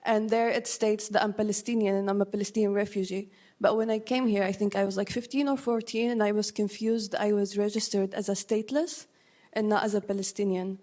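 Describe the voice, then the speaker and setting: A woman's voice: mid-range voice, flat delivery, a little fast, dark tone. A young woman from Syria asks a long question from the audience at a lecture. She speaks hesitantly and politely, with many fillers. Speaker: audience member asking a question.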